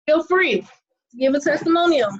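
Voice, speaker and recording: Animated and high-pitched, this woman hosts a video call about making money online, speaking at a moderate pace through lo-fi sound. Her energy stays upbeat, and she asks "okay?" again and again.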